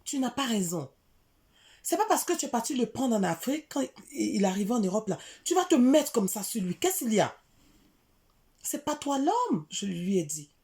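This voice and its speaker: A middle-aged woman from Africa tells a story to her viewers in a casual monologue, animated and indignant, repeating words for emphasis. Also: fairly high pitch, a little fast, few pauses. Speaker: vlogger addressing her community.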